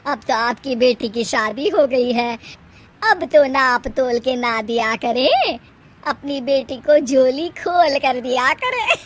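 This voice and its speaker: A sharp-tongued cartoon mother-in-law who mocks her guests. She speaks high and unhurried, with a teasing, sarcastic bite. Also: expressive, exaggerated voice. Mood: mocking.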